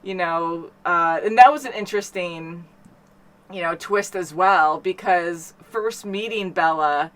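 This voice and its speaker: A woman's voice: fairly low pitch, a little slow. A woman hosting a movie reaction, chatting casually and rambling with many fillers. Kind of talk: casual chat.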